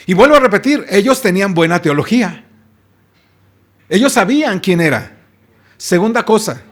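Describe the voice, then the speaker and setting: A man preaching a sermon as pastor, emphatic, often asking his listeners rhetorical questions and calling them beloved brothers. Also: high voice.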